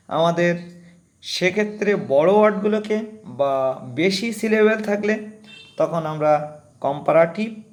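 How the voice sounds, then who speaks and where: A man's voice: high-pitched, a little mellow. A man teaches an English grammar class. He works through each point step by step and says the key terms over again.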